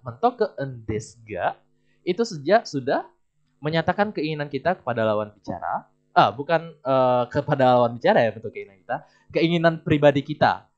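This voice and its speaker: A man teaching a language class, explaining patterns and coaxing his students to repeat them. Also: a little high. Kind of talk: classroom instruction. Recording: dull lo-fi recording.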